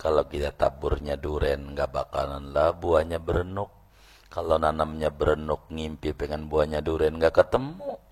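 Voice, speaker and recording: Low husky guy preaching in a mosque, folksy stories n teasing the crowd. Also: moderate pace, a little mellow. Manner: folksy storytelling, acts out voices, teasing questions to audience. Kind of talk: mosque lecture after midday prayer.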